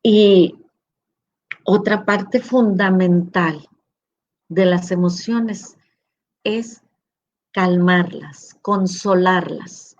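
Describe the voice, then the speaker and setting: Slow, tender-voiced woman speaker. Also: medium pitch, muffled recording. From northwestern Mexico. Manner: tender, acts out quoted dialogue. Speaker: school rector giving a talk on emotions. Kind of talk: slow heartfelt talk with told anecdotes.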